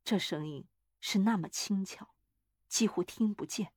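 A woman narrating a horror story in a measured, dramatic reading. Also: mid-range voice, darkish tone, slightly rough, no room sound, clean studio sound.

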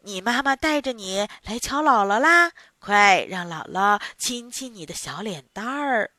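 A woman voicing a kindly, fussing grandmother over 60 in a children's story, gently scolding her daughter. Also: medium pitch, animated, measured pace, dry recording, clean studio sound. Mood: doting.

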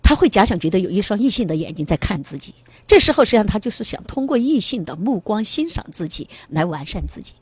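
A woman's voice: mid-range voice, sing-song, fast talker, a little mellow, husky, dry recording. A woman speaking as a parenting expert, earnestly explaining teen emotional growth and addressing parents directly. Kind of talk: radio-style studio talk.

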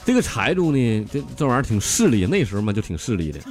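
Animated male comedian with a Northeastern accent. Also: medium pitch, fast talker, faint music behind. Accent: Northeastern Mandarin. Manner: animated, stammering restarts, slangy. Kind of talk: stand-up joke telling.

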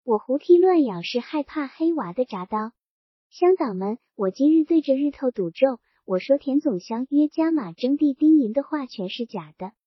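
Woman reading a cowering clerk guy, groveling and frantic, high husky voice, dull lo-fi sound. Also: lively intonation, moderate pace, dry recording. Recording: dull lo-fi recording.

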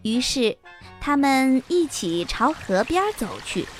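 A woman narrating a children's story in an expressive, sing-song manner. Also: high voice, takes it slowly, soft background music.

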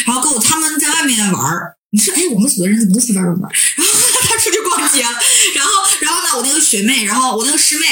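A woman's voice: on the high side, reverberant. A young woman co-hosting a podcast, telling a personal story in a casual, emotional way with many restarts. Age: young adult. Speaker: podcast co-host.

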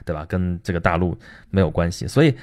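A man's voice: low voice, animated, quick pace, a little mellow. A man hosting a casual history talk, speaking conversationally and tagging his points with rhetorical questions. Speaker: host.

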